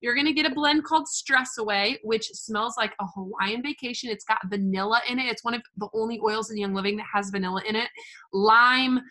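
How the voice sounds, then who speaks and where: A woman's voice: on the high side, a little fast, sharp tone. A young woman from the United States chatting casually as she walks through an essential oils kit, gushing and filling her talk with "like" and "literally". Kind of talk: casual product walkthrough.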